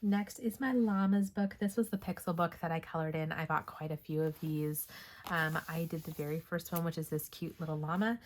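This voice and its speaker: A woman's voice: deep voice, fairly even intonation, brisk, slight background noise. A woman with a Texas accent chatting casually about her coloring pages, rambling with lots of ums and coughing now and then while she recovers from being sick. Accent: Texan. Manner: rambling, filler-heavy with frequent ums. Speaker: coloring book vlogger. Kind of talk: casual show-and-tell chat.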